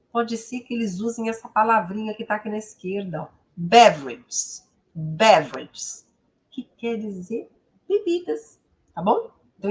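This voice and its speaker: A woman teacher from Brazil with Portuguese as her first language, walking learners through English words on a menu. Her voice swings lively up and down, and she takes her time, saying each word twice so it sinks in. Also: medium pitch. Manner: repeats words slowly for pronunciation, asks tag questions. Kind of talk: didactic explanation of pronunciation.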